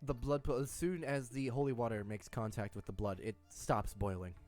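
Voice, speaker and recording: A man's voice: medium pitch, steady tone, moderate pace, darkish tone, faint music behind. A man narrating a tabletop role-playing game as game master in a conversational way.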